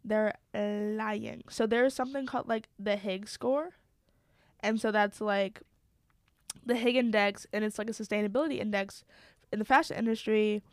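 A young woman talking casually in a podcast chat, at an ordinary middle pitch. She fills her talk with fillers and little laughs. Her mic is dry and keeps cutting in and out. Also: moderate pace, no room sound. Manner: chatty, lots of fillers and laughs. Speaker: podcast co-host.

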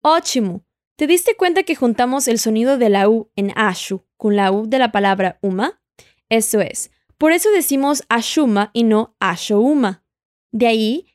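A woman leads an audio language lesson, her voice sitting a little high. She speaks patiently and keeps prompting the listener to repeat after her. The sound is close and dry, with no room around it. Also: no echo. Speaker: Portuguese teacher.

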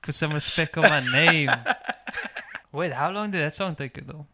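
Playful bright-voiced male podcast host. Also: on the high side, slight background noise. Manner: playful, teasing, quick to laugh. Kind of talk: casual interview chat. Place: podcast studio.

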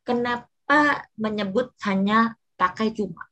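A middle-aged woman from Indonesia, talking as an interview guest who gets heated and passionate, and who acts out quoted lines in a higher voice. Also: sharp tone, dull audio. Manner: passionate, quick to get heated. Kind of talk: casual interview talk.

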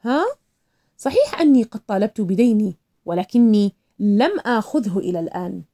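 A woman's voice: medium pitch, expressive, moderate pace, mellow. A woman voicing a stern, evasive businessman defending himself over a debt. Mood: defensive.

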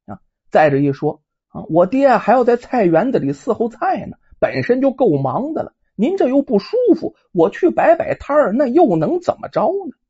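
A dutiful young village girl, as a storyteller puts her on, soft, pleading and earnest. Her voice is husky and mellow, and her pitch rises and falls in lively swings. The recording sounds dull and lo-fi. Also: moderate pace. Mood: persuasive.

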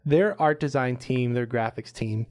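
A man's voice: mid-range voice, moderate pace, darkish tone. A man co-hosting a casual gaming podcast, swearing freely and eagerly acting out characters' lines as he talks. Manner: profane, enthusiastic, acts out characters' lines. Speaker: podcast co-host.

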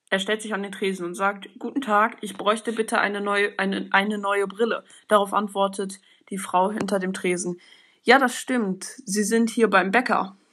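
A woman's voice: medium pitch, bright, forceful tone. Teen girl reading jokes aloud, casual. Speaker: joke reader.

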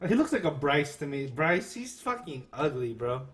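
A man's voice: fairly high pitch, big pitch swings, normal speed, a bit bright, breathy edge. A young man co-hosting a casual podcast, crude and laughing a lot as he retells scenes. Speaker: podcast co-host. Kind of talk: casual chat.

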